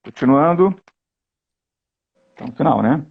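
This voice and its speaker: A man explaining grammar and translation in a lesson, slow and explanatory, often checking in with "né?". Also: fairly high pitch, expressive, creaky, slightly rough, narrow, tinny audio. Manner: slow, explanatory, keeps asking "né?". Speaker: guest reading and translating a text.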